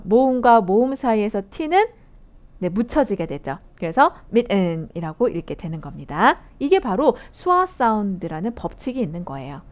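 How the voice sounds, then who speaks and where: A woman giving a recorded phonics lecture to teachers, explaining rules step by step and asking her viewers questions. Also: medium pitch. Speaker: phonics instructor training teachers. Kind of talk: video lecture. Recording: dull lo-fi audio.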